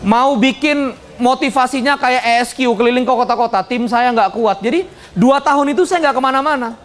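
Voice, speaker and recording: A man giving a lively, joking seminar talk on business and addressing the audience directly. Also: very high voice, a little fast. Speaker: business speaker and motivational trainer.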